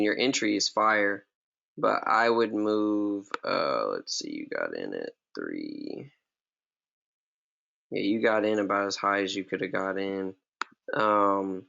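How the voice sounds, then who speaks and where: Gravelly low-voiced man coaching traders. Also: pushed and bright, dull audio. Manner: laid-back, slangy, repeats himself. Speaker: forex trading mentor. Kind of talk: casual live trading session.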